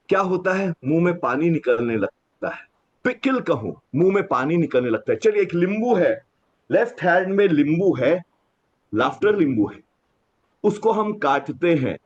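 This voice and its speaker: A man leading a laughter yoga class, counting aloud and explaining the exercises, switching into slow, deliberate English phrases. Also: on the high side, darkish tone. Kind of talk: guided group exercise with explanations. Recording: dull lo-fi sound.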